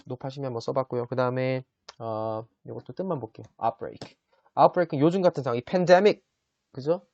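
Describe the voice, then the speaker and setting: A man gives a relaxed vocabulary lesson, often pausing to check in with his listeners and sounding words out slowly. His voice sits at a middle pitch. The recording is somewhat muffled and dry, with no room sound. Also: no room sound. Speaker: English tutor.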